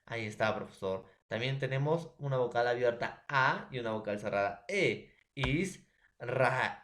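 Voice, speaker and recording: A man's voice: medium pitch, lively intonation, moderate pace, fairly bright tone, a little hiss or hum. A man with a Peruvian Spanish accent teaching a recorded grammar lesson, often checking in with his students. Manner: addresses students as jóvenes, checks with ¿ya?.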